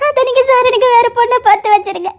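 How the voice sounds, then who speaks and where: A guilt-torn young bride-to-be in an audio love story. Her voice is very high and thin, and her words come out choked and sobbing. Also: moderate pace, darkish tone. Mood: tearful. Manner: sobbing, choked, laughing through tears.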